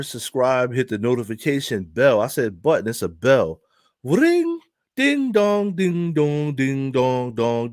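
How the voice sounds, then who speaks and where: A man's voice: medium pitch, no room sound, clean studio sound. A man hosting an online news live stream, commenting casually with loose jokes and frequent laughter. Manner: loose, joking, laughs often.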